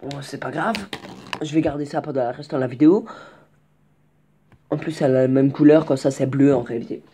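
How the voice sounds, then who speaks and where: A man's voice: medium pitch, fairly even intonation, brisk, dark tone, a little hiss or hum. A young man casually telling a story in slangy, rambling speech with many restarts and asides. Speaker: vlogger.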